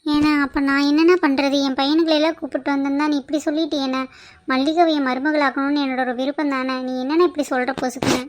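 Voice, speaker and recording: A woman's voice: high voice, steady tone, fast, slight background noise, natural voice. A woman voicing a middle-aged aunt in a cartoon who insists and complains about a wedding match. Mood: complaining. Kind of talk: cartoon voice acting.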